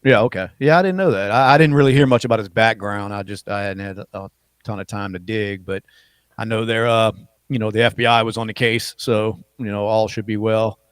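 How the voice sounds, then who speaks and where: A man's voice: fairly low pitch, fairly even intonation, a little fast, clear, resonant tone, no room sound. Rambling man hosting. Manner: rambling, full of "you know" fillers. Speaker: podcast host. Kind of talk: casual chat.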